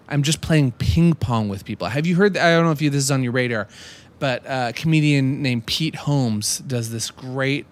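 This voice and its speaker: Tipsy man rambling on his podcast. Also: medium pitch. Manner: rambling, restarting sentences. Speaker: podcast host. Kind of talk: casual podcast monologue.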